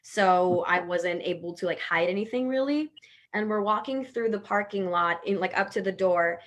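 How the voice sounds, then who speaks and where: A woman's voice: mid-range voice, normal speed. A young woman from Houston, a panel guest sharing a personal story in a reflective way, full of fillers like "like.". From Houston, Texas. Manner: reflective, filler-heavy with frequent "like". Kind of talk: personal testimony in conversation.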